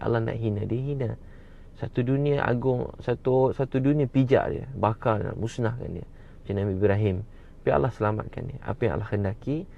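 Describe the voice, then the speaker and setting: A man's voice: medium pitch, gravelly. A Malaysian man preaching a sermon in a fervent, repetitive way, often addressing the audience directly. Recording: dull lo-fi recording with faint background noise.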